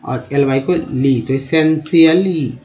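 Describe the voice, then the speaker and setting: Guy teaching english reading in hindi, spells out letters slow then says the word, fairly high voice. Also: darkish tone. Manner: spells words out letter by letter, slowly sounding them out; calls viewers "dosto" in a friendly teaching tone.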